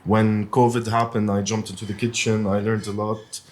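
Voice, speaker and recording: A man from Lebanon who owns a pizzeria, talking casually in an interview with many pauses and fillers. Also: lowish voice, little pitch movement. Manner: hesitant, many fillers, soft-spoken. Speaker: pizzeria owner. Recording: faint background noise.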